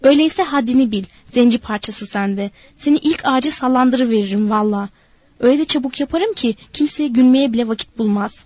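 A scornful young ranch wife, as a woman puts her on, sneering and threatening in a bright, raised voice. Her words are cutting and cold, set against a dry, close sound. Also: a little high, a little fast, dry recording, lightly acted. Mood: menacing.

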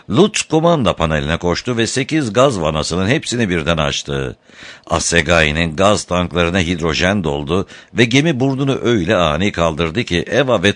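Deep-voiced man reading an audiobook. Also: no echo. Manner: dramatic, raises voice for shouted quotes. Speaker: narrator. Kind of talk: audiobook narration.

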